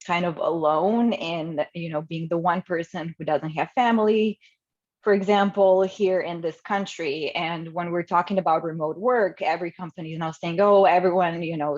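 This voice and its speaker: A webinar attendee from Croatia poses a casual but thoughtful question over a video call, hedging heavily and filling pauses often. Her voice is fairly low-pitched and somewhat dark in tone, heard through muffled, lo-fi call audio.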